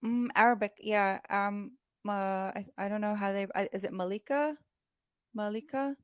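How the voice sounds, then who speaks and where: A woman's voice: medium pitch, little pitch movement, normal speed, smooth, dry recording, studio quality. A woman tutoring English over a video call, chatting casually with lots of "like" and "um" fillers. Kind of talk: casual conversation practice.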